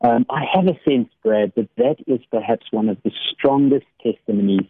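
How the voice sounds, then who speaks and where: A man's voice: medium pitch, moderate pace, slightly rough, no echo. A man, an academic, speaking as a regular guest on a radio devotional slot. He tells a story with many small restarts and laughs easily. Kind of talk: warm conversational devotional reflection. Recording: dry, phone-like radio line.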